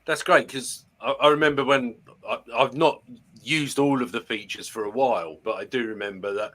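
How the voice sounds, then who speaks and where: A man with a broad Essex accent chats through a webinar in a bright, forward voice. He talks loosely, restarts his sentences often and jokes at his own expense. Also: mid-range voice, moderate pace. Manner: chatty, self-deprecating, many restarts. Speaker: language teacher. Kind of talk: casual webinar discussion.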